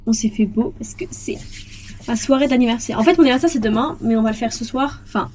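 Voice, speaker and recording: A woman's voice: on the high side, fast, a little mellow. A woman of twenty chatting casually and rambling in a bubbly way as she films her own vlog. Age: 20s. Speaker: vlogger.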